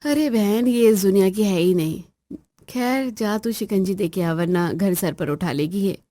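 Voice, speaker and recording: A woman's voice: mid-range voice, unhurried, warm tone, dry recording, natural voice. A woman voicing an elder daughter-in-law who speaks with weary sarcasm and confides in her sister-in-law. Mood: weary sarcastic.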